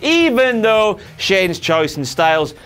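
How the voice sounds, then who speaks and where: A man's voice: high-pitched, very animated, takes it slowly, fairly bright tone, clean tone. A British man hosting a comedic wrestling recap show, with a theatrical, mock-pompous and sweary manner. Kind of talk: comedic commentary.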